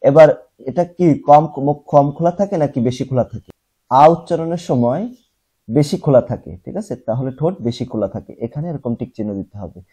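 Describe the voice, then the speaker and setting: A young man teaching a class, who explains step by step, asks questions and answers them himself, and repeats sounds slowly to show how they are said. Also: medium pitch, dark tone, slightly rough. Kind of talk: classroom lesson.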